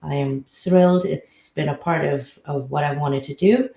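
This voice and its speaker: A woman's voice: low-pitched, steady tone, normal speed, gravelly, warm tone, reverberant, low-quality recording. A woman introducing herself on a video call, earnest and full of ums. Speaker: guest speaker. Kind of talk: casual self-introduction.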